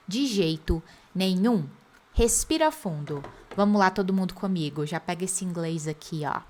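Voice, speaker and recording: Brazilian woman teacher, lively online class host, mid pitch, talks to camera and crew. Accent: Brazilian Portuguese. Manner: lively, chatty, teasing asides to the crew.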